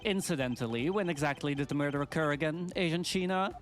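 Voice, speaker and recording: A man's voice: on the high side, quick pace, soft background music, natural voice. A man voicing a stern, formal investigator in a video game, speaking in precise, logical arguments. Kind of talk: video game voice-over read live.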